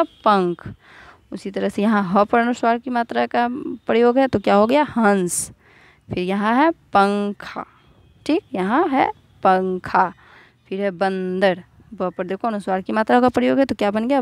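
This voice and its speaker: A woman teacher talks a class of small children through a lesson, asking questions and answering them herself. She says each example word slowly and more than once. Her voice sits at a middle pitch and is recorded close and dry, with no room sound. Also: a little mellow, dry recording. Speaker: school teacher.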